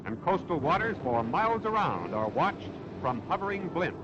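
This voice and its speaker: A man's voice: fairly high pitch, very animated, moderate pace, lo-fi sound, background noise. A man narrating a 1940s newsreel in a dramatic, declamatory manner, heard on an old newsreel recording. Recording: old newsreel soundtrack with loud music.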